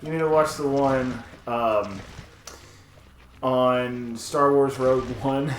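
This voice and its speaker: A man's voice: medium pitch, slow pace. A man chatting casually during a gaming session, eagerly retelling funny scenes. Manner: animated storyteller retelling scenes. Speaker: gaming co-host. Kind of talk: casual chat while playing. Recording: echoey room with faint noise.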